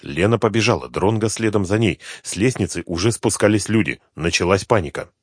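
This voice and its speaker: A man narrating a thriller audiobook in a tense, measured reading on a close microphone. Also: fairly low pitch, expressive, breathy edge, no echo. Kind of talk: scripted narration.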